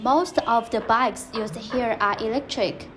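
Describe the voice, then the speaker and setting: A woman's voice: on the high side, measured pace, noisy background. A young woman from rural Sichuan with a Chinese accent, guiding a walking tour and explaining things plainly. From Sichuan, China. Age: young adult. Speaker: tour guide. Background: background music.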